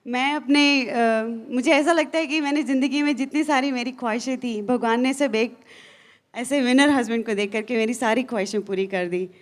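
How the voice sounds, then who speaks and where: A woman's voice: on the high side, normal speed. Earnest woman giving a stage talk. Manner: earnest, with hesitant fillers and restarts. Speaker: motivational speaker.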